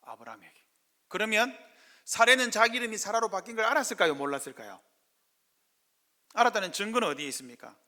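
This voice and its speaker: A man's voice: high-pitched, very animated, quick pace, long pauses, pushed and bright. A male pastor with a Gyeongsang Korean accent preaching a sermon, pressing the congregation with rhetorical questions and acting out biblical speakers. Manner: acts out biblical speakers in dramatic voices. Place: church sanctuary. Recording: echoey church hall.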